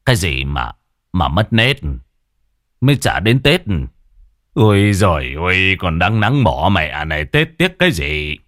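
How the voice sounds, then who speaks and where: A man's voice: sits low, sing-song, measured pace, a bit bright, no echo, clean studio sound, exaggerated voice. A man voicing a grumpy, half-deaf old village man in a storytelling reading, grumbling in disbelief. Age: older. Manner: grumbling, incredulous, cursing.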